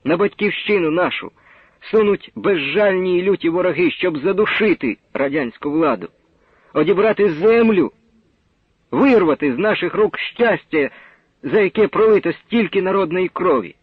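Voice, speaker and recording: A man's voice: high-pitched, animated, normal speed, slightly rough, no room sound, phone-quality sound, voice pushed up. A man voicing a woman agitator who pleads earnestly with a village crowd in an oratorical manner.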